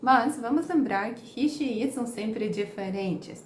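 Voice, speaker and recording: A woman's voice: a little high, a little slow. A woman teaching an English lesson, carefully repeating each example sentence. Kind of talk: slow explanatory lesson. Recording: roomy with faint background noise.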